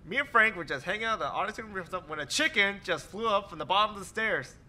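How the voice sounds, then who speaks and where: A man's voice: high voice, lively intonation, fast, bright, forceful tone, full character voice. A man playing a panicked young student client who pleads for help in a comedic short film. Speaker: frantic client.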